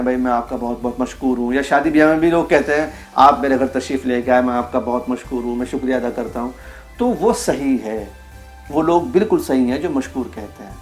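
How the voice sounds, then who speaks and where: Man slowly spelling out word sounds. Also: fairly high pitch, darkish tone. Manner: careful, drawn-out pronunciation of example words; reads aloud from a book. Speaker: Urdu language teacher. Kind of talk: explanatory video lesson.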